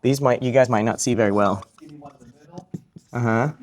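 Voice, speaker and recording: A man's voice: mid-range voice, moderate pace. A man from Vietnam who works as a psychiatrist, giving a live question-and-answer talk to students, upbeat and joking, repeating each question back.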